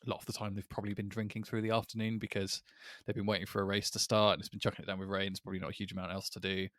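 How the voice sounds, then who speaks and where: Male co-host, lowish voice, chatty and wry. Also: level tone, racing, a bit bright, no room sound, studio quality. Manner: chatty, self-deprecating, laughs often. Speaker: podcast co-host. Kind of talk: casual chat.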